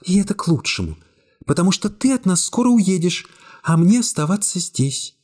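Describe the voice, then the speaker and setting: A man voicing a young woman secretary with a high, breathy voice, first cool and cynical, then tearfully devoted, in an audiobook. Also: lively intonation, normal speed, a little mellow. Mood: cool, detached. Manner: cool and matter-of-fact, then gushing.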